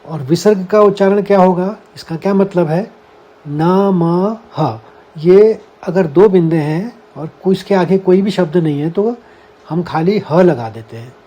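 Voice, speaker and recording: A man's voice: sits high, moderate pace, dark tone, dull audio. A man teaching a scripture lesson, explaining word meanings and carefully sounding out each Sanskrit syllable for his listeners. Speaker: Gita teacher.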